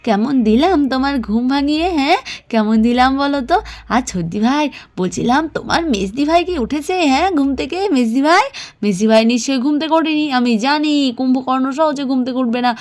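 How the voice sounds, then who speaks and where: A woman voicing a mischievous young woman in a doll cartoon story, teasing and lively. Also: high-pitched, moderate pace, lightly acted.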